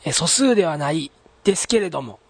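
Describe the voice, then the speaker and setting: A man's voice: a little high, lively intonation, brisk, breathy edge. Chatty Japanese man hosting a solo podcast. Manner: polite, chatty, many fillers. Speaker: podcast host. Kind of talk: casual solo podcast, reading a listener letter.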